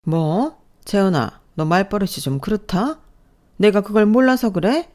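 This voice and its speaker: A woman's voice: medium pitch, expressive, unhurried, a little mellow, voice pushed up, close to an everyday voice. A woman voicing a snobbish middle-aged mother-in-law who scolds and belittles her daughter-in-law in a scripted story narration. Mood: scolding.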